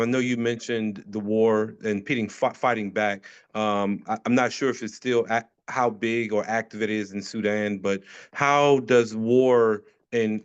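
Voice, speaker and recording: A man's voice: fairly low pitch, clear, resonant tone. A man asking a follow-up question on a video call, in a hesitant way with stumbling restarts. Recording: dull lo-fi call audio.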